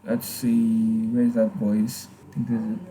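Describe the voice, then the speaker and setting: Hesitant man with a dark voice. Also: fairly low pitch, completely flat delivery, moderate pace, slight background noise. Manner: hesitant, many fillers and restarts. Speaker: tutorial host. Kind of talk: casual screen-recorded tutorial.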